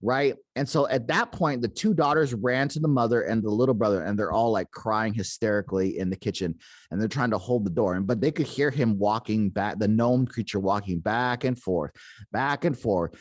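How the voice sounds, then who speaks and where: A man's voice: on the low side, normal speed, no echo, studio quality. A man hosting a podcast, retelling a paranormal encounter in a casual, rambling way with many fillers and restarts. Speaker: podcast host.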